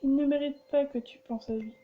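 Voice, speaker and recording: A woman voicing a blunt, supportive teenage girl best friend in a story game, reading the lines flatly. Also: high-pitched, brisk, highs cut off, lightly acted.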